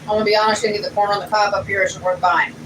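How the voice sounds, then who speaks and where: Speaking in a racing rush, this middle-aged woman keeps her mid-range voice mostly flat as she reads viewer comments aloud during a casual family livestream. Her manner is chatty, homely and straightforward, picked up by a distant mic amid room noise.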